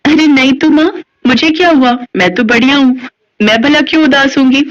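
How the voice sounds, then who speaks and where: A woman doing a brave, sweet young girl from a storybook, eager and bright. Her voice sits high and lifted. The recording is dull and lo-fi. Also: moderate pace, natural voice. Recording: dull lo-fi audio.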